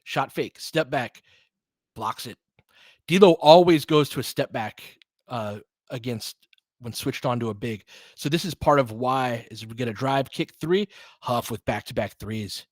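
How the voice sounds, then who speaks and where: A man with an average-pitched voice commentates live basketball loosely and conversationally, moving between quick play calls and slangy analysis for his viewers while thinking aloud. He is unhurried, and the recording is dry, with no room around it and no echo.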